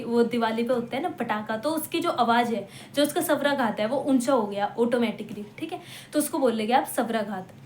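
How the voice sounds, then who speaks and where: A woman with a fairly high voice teaches a lesson in a patient, step-by-step way. She repeats example words slowly and keeps checking in with her listeners. The room is echoey, with a faint hum behind her. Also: darkish tone. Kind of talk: classroom-style lecture.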